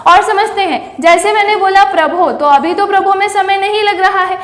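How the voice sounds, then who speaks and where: A woman teacher with a very high voice gives a classroom-style lesson. She keeps putting questions to her listeners and then answers them herself. Her voice rings around a roomy space with a long reverb. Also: moderate pace. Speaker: Hindi teacher. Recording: echoey room with long reverb.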